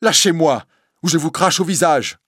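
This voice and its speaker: A man voicing a frightened yet defiant young woman in a storybook reading, speaking high and trembling. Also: normal speed, fairly bright tone, slightly rough, no room sound, studio quality.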